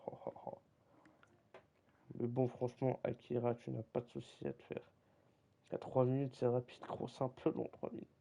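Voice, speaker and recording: A young streamer who runs a football league talks through a live game on a desk microphone, slangy and teasing, constantly saying "gros." His warm, creaky mid-range voice is monotone at a moderate pace, with frequent pauses.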